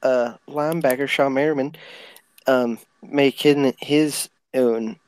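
A man's voice: medium pitch, fairly even intonation, slow, a little mellow, clear, resonant tone. A man co-hosting a podcast, chatting casually about sports with friends. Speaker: podcast co-host.

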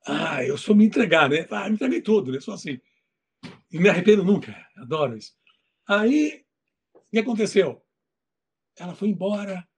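A man who writes children's books, talking in an interview and telling stories in a lively way, acting out the voices in his anecdotes. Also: high voice, moderate pace, long pauses, slightly rough. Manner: animated storytelling, acts out voices. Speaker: children's book author. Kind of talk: interview talk.

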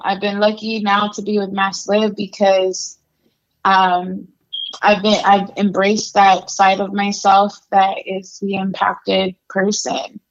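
In a medium-pitched voice, a young adult Mexican woman candidly describes her life as a guest in a laid-back interview, sprinkling in lots of fillers. The recording has its highs cut off.

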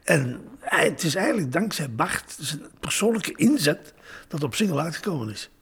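Flemish guy, husky gravelly voice, kinda high, keeps stumbling over his words. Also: big pitch swings, a bit bright. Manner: repeats words, halting restarts. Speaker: songwriter and producer. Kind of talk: interview recollection.

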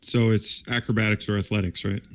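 A man's voice: fairly low pitch, fairly even intonation, a little fast. A man playing in a tabletop game, matter-of-fact and helpful with the rules. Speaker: player. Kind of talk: casual tabletop game play. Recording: dull lo-fi audio.

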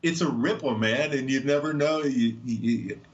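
A man's voice: medium pitch, moderate pace. Texan man, middle-aged, blunt and sarcastic storyteller, easygoing, slightly muffled lo-fi audio. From Texas. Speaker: guest. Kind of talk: casual storytelling chat.

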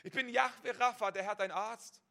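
A male preacher with a high voice, a gravelly edge and a sharp, forceful tone. He delivers a sermon in direct address and stacks one rhetorical question on the next. He often restarts a phrase by doubling its first word. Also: fairly even intonation, moderate pace. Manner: stacks rhetorical "what if" questions, repeats words when starting.

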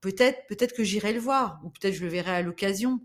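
Une femme d'âge mûr, invitée d'un podcast, parle de livres de façon décousue, avec beaucoup d'hésitations. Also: female voice, mid-range voice, fast. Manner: rambling, hesitant, full of fillers. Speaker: guest, the host's mother. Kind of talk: casual podcast chat about books.

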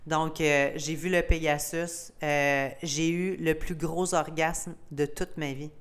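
A young Québécoise woman with a low, smooth voice tells a personal story on her podcast. She speaks candidly and with feeling, slipping English words into her Québécois French. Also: steady tone, slow pace. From Gaspésie, Quebec, Canada. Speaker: podcast host.

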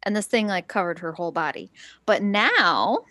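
A woman's voice: medium pitch, animated, normal speed, bright, forceful tone, no room sound. A woman co-hosting a podcast in casual chat, laughing often and acting out her own thoughts. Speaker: podcast co-host.

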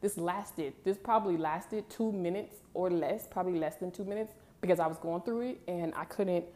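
Woman, 30s, lowish voice, casual storytime vlog, rambling, restarts sentences. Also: normal speed, dark tone. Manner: rambling, restarts often, sighs and laughs. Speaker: vlogger.

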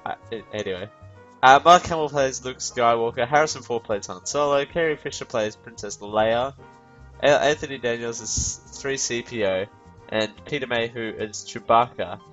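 A man's voice: mid-range voice, normal speed, fairly bright tone, highs cut off. A man hosting a casual film review, rambling and correcting himself as he talks to his audience. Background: faint background music.

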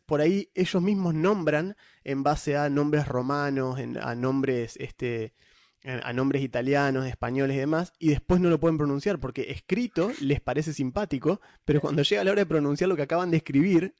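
A young man with a Rioplatense Spanish accent, casually explaining tabletop lore as a podcast host, animated, with frequent restarts. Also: fairly high pitch, normal speed, dry recording. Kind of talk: casual chat.

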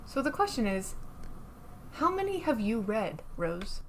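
A woman's voice: on the high side, big pitch swings, measured pace, a little hiss or hum. A young adult woman co-hosting a podcast, talking in a chatty, giggly way. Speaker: podcast co-host. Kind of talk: casual chat.

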